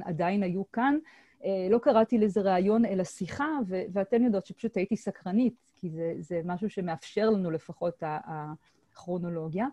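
Hesitant woman historian with a warm tone. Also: mid-range voice, no echo. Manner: hesitant, with many filler sounds and restarts. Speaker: Holocaust historian presenting her research. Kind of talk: academic lecture at an online seminar. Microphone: computer mic on a video call.

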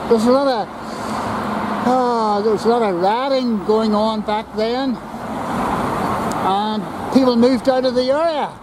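A man giving an unhurried, chatty walking-tour commentary outdoors at a busy city junction, pausing and restarting as he goes. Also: very high-pitched. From Northern Ireland. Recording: loud street traffic over the voice.

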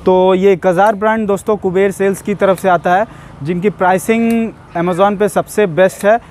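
A young man with a high, fairly even voice reviews and demos a pressure washer gun at a moderate pace, his tone a little mellow. He chats to viewers like friends while washing a car in a yard, the camera a few steps away, with a faint hiss or hum in the outdoor recording.

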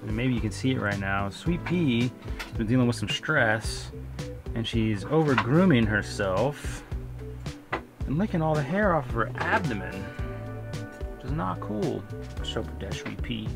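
A man's voice: medium pitch, expressive, measured pace, creaky, long pauses, music in the background. A man co-hosting a casual travel vlog, talking in a laid-back, joking way. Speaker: vlog co-host.

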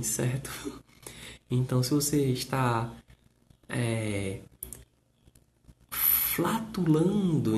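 A man with a Brazilian Portuguese accent teaching English on a live stream. He explains slowly and repeats himself, with playful jokes, and reads out viewer comments. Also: a little high, a little mellow. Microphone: live stream setup.

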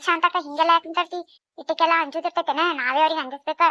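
A woman's voice: very high-pitched, steady tone, very fast, bright, forceful tone, no echo. A woman voicing a caring, bold village neighbor woman in a cartoon, with a North Karnataka Kannada accent. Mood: urging. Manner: consoling, rousing. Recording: dull lo-fi recording.

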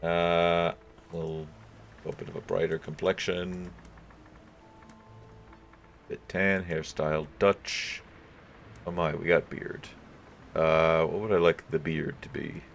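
A man's voice: deep voice, flat delivery, slow pace, gravelly, pauses often, soft background music. A man casually commenting on his gameplay, thinking aloud as he picks options and chuckling now and then. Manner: thinking aloud, musing over choices with chuckles. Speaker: gaming video host.

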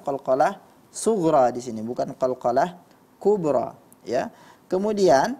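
Measured male recitation judge. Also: fairly high pitch, a little mellow. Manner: measured, instructive, demonstrates pronunciation. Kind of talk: spoken critique of recitations.

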